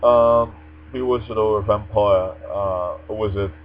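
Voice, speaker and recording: A young man talks in English with a low, steady voice at an unhurried pace, sounding articulate and formal like a personal vlogger. He reads aloud and gives casual answers to a tag challenge. The dull lo-fi mic picks up mains hum.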